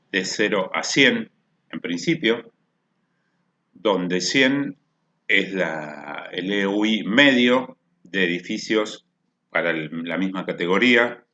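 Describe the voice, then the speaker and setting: Step by step, a male energy efficiency lecturer explains a technical workshop topic, often rephrasing to check that the audience follows. His lowish voice is expressive, slow and sharp in tone, with long pauses. The room is echoey.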